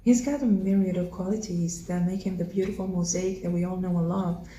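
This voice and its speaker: Woman from Algeria, deep warm voice, poetic fan message in an echoey room. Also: steady tone, a little fast, faint music behind. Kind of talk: fan testimonial. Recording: roomy echo.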